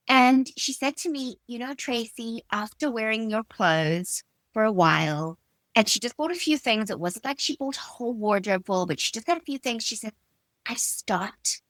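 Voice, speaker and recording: A middle-aged South African woman, a stylist and designer, is a guest in an interview, answering with emphatic, expressive storytelling and personal anecdotes. Her voice is medium-pitched, with no echo.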